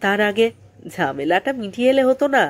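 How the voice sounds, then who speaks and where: A woman voicing a sharp, curious woman detective in an audiobook, asking questions in a calm, probing way. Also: mid-range voice, normal speed, slight background noise, voice pushed up, lightly acted. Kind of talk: audiobook character voice.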